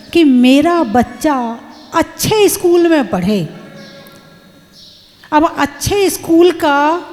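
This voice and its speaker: A woman's voice: high voice, darkish tone, big-room sound. A woman, a Jain nun, giving an emphatic sermon and putting rhetorical questions to her audience.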